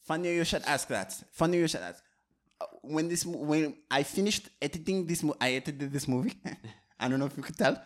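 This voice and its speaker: A man's voice: fairly high pitch, lightly acted. A man doing a pompous fake French film director. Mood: deadpan boastful. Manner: halting, repeats words, deadpan boasting. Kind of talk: improvised comedy role-play.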